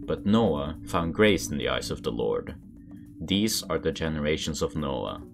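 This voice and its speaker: A man reading scripture aloud in a monotone manner. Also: extremely low pitch, measured pace, gravelly. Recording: background music under the voice. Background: music.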